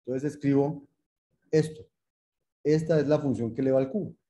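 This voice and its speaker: With a very dark voice at medium pitch and normal speed, a male programming lecturer codes live in front of his class, thinking aloud as he types. He explains patiently and repeats himself, speaking to students formally with rhetorical check-ins.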